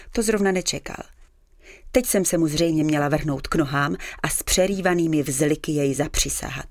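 A woman's voice: low-pitched, no room sound. A woman narrating a first-person audiobook in a dry, ironic storytelling manner.

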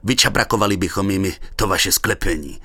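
A man's voice: low voice, bright, forceful tone, no room sound. Man reading a pompous, grandiose poet. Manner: pompous, declaiming. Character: grandiose eccentric surrealist poet, man, big.

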